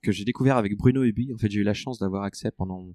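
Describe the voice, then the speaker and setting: A man in a relaxed interview, talking through his running training with many fillers and restarts. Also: fairly low pitch, very fast, no echo, clean studio sound. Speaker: ultra-trail runner guest. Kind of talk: conversational interview.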